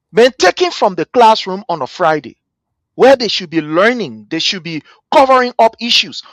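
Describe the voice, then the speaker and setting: Liberian guy hosting a panel stream, swoopy lively pitch, dry close sound. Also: dry recording. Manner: lively, rhetorical, addresses panelists as brother. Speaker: host. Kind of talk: livestream panel talk.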